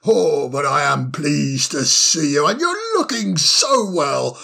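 A man's voice: fairly high pitch, big pitch swings, takes it slowly, creaky, sharp tone, heavily acted. A man playing a jolly plump old owl. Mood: cheerful. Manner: cheerful, fussing, chuckling. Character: jolly plump older male owl doctor.

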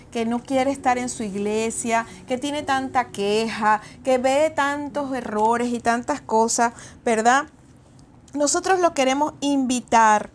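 High-voiced woman sharing a testimony. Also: a little hiss or hum. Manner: earnest, storytelling with frequent restarts. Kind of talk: personal testimony and exhortation.

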